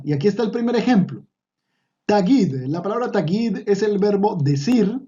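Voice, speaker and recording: A man's voice: high-pitched, mellow, highs cut off. A man teaching an online Hebrew lesson, patiently repeating words with fillers and restarts.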